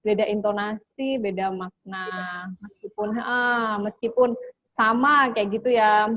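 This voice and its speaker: A woman's voice: medium pitch, steady tone, a little slow, no echo. A young woman from Indonesia telling her story as an interview guest, chatty, with lots of fillers and English phrases mixed in. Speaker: interview guest, scholarship graduate. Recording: dull lo-fi dry recording.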